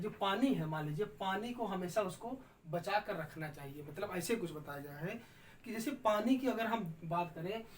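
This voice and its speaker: A woman with a mid-range voice gives a patient, explanatory grammar lesson, frequently checking in with her students. The mic is distant, picking up faint room ambience and a little hiss or hum.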